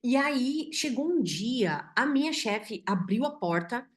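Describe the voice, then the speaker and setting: A woman physician with a Brazilian Portuguese accent tells a patient case to her audience. She speaks in an animated way and often ends her sentences with "né?". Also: fairly high pitch, slow. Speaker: physician teaching symbolic medicine. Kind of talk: storytelling a case to an online audience.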